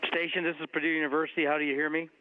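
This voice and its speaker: A man with a slightly high voice talks like a space communicator in a formal radio check. He speaks very fast over a muffled radio link. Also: flat delivery.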